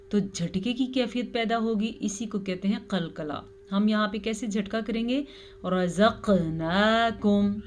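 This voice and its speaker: A woman with a Pakistani Urdu accent teaching tajweed, patiently explaining each rule step by step and slowly drawing out the recited words. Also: mid-range voice, slight background noise.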